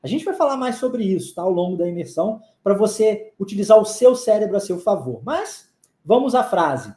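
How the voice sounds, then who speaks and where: An English teacher whose first language is Portuguese, giving a live online lesson. The teacher drills short phrases slowly and keeps checking in with the learners. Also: medium pitch, big pitch swings, dark tone, echoey room.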